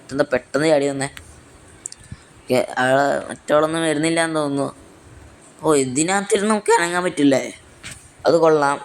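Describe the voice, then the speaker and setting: A man's voice: on the high side, fairly quick, long pauses, slight background noise. Chatty young man joking through a game. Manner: joking, chatty, mixes English fillers. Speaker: gaming YouTuber. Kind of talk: casual gameplay commentary.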